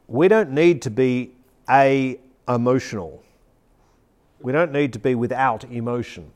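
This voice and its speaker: A man teaching a class on preaching, reading a passage aloud with strong emphasis and slowing down on key words. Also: medium pitch, a little mellow. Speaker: preaching instructor. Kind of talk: teaching talk with a dramatic read-aloud. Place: seated at a chair.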